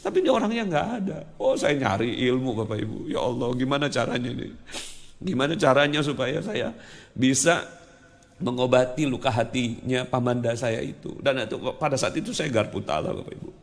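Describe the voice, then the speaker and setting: Male preacher, gravelly mid-range voice, earnest personal storytelling to the audience. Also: mid-range voice, normal speed. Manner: earnest storytelling, addresses audience as ladies and gentlemen. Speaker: religious teacher. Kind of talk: storytelling sermon. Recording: long reverb.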